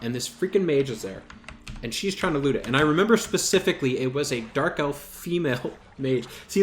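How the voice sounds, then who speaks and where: A man hosting a gaming channel, telling a story over gameplay in an animated, exasperated and self-mocking way. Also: a little high, a little hiss or hum.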